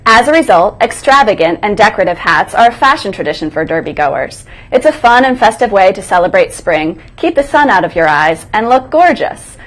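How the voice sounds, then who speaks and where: A woman's voice: mid-range voice, big pitch swings, a little fast, few pauses, fairly bright tone, rough recording. A woman co-hosting a school morning broadcast, reading scripted announcements aloud.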